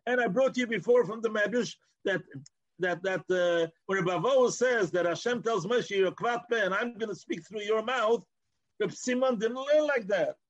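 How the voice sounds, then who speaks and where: A man's voice: high voice, normal speed, dry recording, dull audio. A man with a Yiddish-inflected accent giving an informal Torah lecture, arguing through rhetorical questions and repeating words as he goes. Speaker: Torah teacher.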